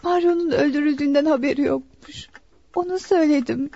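An actress playing a young daughter in a radio drama, emotional and pleading. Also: female voice, high voice, a little fast, mellow, dry recording. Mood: distressed. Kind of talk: 1960s Turkish radio drama acting. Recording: dull lo-fi dry archive radio recording.

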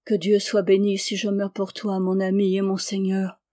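A woman's voice: medium pitch, completely flat delivery, normal speed, dark tone, no echo, clean studio sound, natural voice. A woman reading as a faint, wounded young woman. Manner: faint, murmuring.

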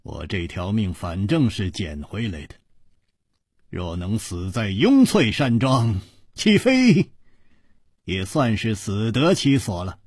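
A man voicing a calm, unflappable male hero swordsman in a storybook tale, speaking softly and slowly. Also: sits low, husky, dry recording, studio quality, pitched below the performer's own voice, exaggerated voice. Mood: resigned. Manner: soft, unhurried and composed.

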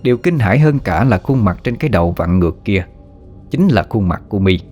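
A man reading a ghost story aloud in a steady, measured narration, over faint music. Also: fairly low pitch, highs cut off. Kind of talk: scripted horror story narration.

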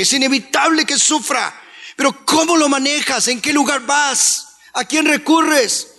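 A pastor preaches in a fervent sermon style, rising into shouts and half-sung phrases. His voice sits high and carries a gravelly rasp. The live church recording rings with long reverb. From Colombia. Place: church hall.

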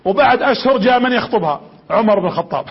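A man's voice: sits high, racing. A man with a Gulf Arabic accent giving a religious lecture. He tells the story with energy and keeps putting questions to the audience. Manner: lively storytelling that quizzes the audience. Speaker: preacher. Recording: dull lo-fi lecture recording.

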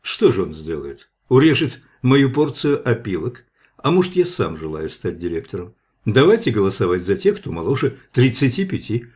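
A man reading the lines of an earnest, sharp-tongued young male scientist with an ironic, argumentative manner. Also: lowish voice, lively intonation, moderate pace. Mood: joking.

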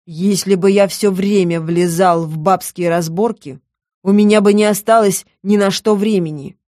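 A woman voicing a stern, commanding male leader who speaks slowly and gruffly. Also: on the low side, steady tone, darkish tone, no room sound, studio quality, natural voice. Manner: gruff, slow, authoritative.

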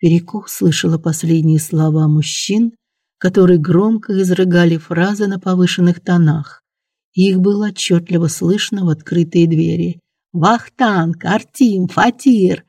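An audiobook narrator reading a historical drama in a steady, dramatic way. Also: medium pitch, moderate pace, dry recording, clean studio sound. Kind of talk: scripted narration.

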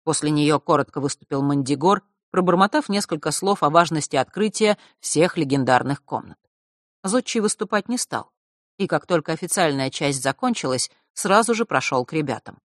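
A woman narrating a fantasy audiobook in a steady, measured storytelling manner. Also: deep voice, dry recording, clean studio sound. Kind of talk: scripted narration.

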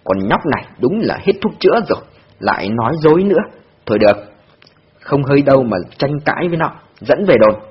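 A man voicing a gruff, impatient police officer who speaks curtly and angrily. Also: medium pitch, sing-song, fairly quick. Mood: angry. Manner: angry, curt. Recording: dull lo-fi recording.

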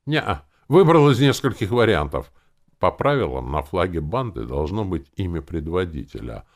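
A man's voice: sits low, very animated, moderate pace, voice pushed up. A man doing a cheeky army captain. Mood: teasing. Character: cheeky laid-back male army captain. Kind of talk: audiobook character voice.

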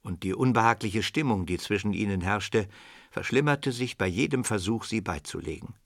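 A man narrating a radio drama in a measured, expressive storytelling manner. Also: on the low side, creaky, dry recording, studio quality. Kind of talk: scripted literary narration.

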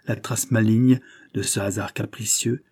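A man narrating a classic novel in a measured, dramatic reading. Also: on the low side, steady tone, a little mellow, husky. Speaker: audiobook narrator.

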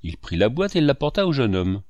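A man narrating a classic children's story in an expressive, scripted reading. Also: medium pitch, brisk, no room sound, studio quality. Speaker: audiobook narrator.

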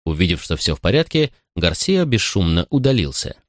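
Low-voiced male audiobook narrator. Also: big pitch swings, fairly quick, no echo, clean studio sound. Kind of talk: scripted narration.

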